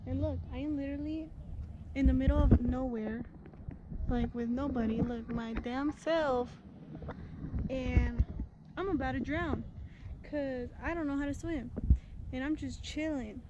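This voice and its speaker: A woman's voice: high-pitched, a little slow, pauses often, highs cut off, heavy background noise. A young woman vlogging outdoors from a kayak on a lake, chatty and joking with frequent giggles, filmed on an action camera at arm's length. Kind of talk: casual vlog chat.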